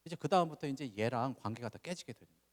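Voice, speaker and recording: A man's voice: mid-range voice, expressive, rapid-fire. A male pastor delivering a conversational sermon, asking the congregation rhetorical questions and acting out dialogue examples. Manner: acts out parent-child dialogue examples. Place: church sanctuary. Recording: long reverb of a church sanctuary.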